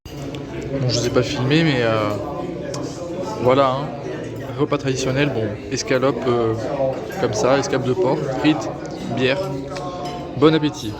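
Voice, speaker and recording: A man's voice: mid-range voice, fairly even intonation, a little slow, long pauses, a loud crowd. A man filming a casual travel vlog, chatty and enthusiastic with many fillers, tired and sore from walking, talking outdoors in a city and indoors in a hostel. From France. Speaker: travel vlogger. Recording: street noise behind a handheld camera.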